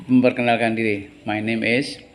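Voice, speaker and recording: A male teacher, an Indonesian speaker, giving a classroom English lesson, explaining slowly, repeating words and putting questions to his students. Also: fairly low pitch, level tone.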